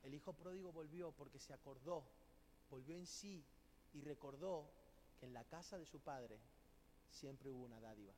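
Emphatic high-voiced preacher man. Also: moderate pace, a little mellow, slight background noise. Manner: emphatic, rhetorical questions, acted-out quotes. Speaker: pastor. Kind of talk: sermon.

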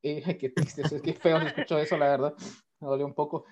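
A man's voice: fairly high pitch, flat delivery, fairly quick, a little mellow. A man hosting a casual panel chat, rambling along with many fillers and restarts. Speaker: host. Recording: dull lo-fi sound.

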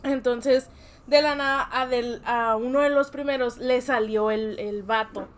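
A woman's voice: on the high side, steady tone, measured pace. A young woman with a Mexican accent, chatting casually and telling a story in slangy speech, often laughing. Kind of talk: casual chat.

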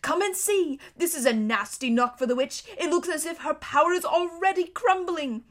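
A woman voicing an excited male beaver in a storybook reading, calling out gleefully. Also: sits high, measured pace. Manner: shouting gleefully, breathless excitement.

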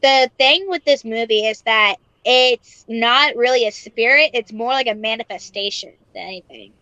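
A woman's voice: a little high, normal speed, sharp tone, dry recording. A woman in casual podcast chat, rambling with lots of "like" fillers and casual swearing. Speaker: podcast co-host. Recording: dull lo-fi sound.

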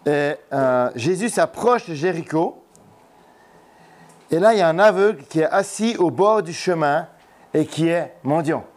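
A man's voice: on the high side, expressive, a little slow. A man preaching an informal sermon, joking and putting questions to his congregation at a church gathering in a café. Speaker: pastor.

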